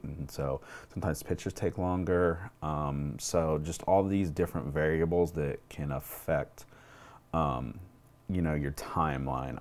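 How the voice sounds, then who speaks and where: Indoors at a table in a home room, a thirtysomething wedding DJ talks a client through the plans over a lapel mic. His very deep, slightly mellow voice keeps things relaxed and explanatory.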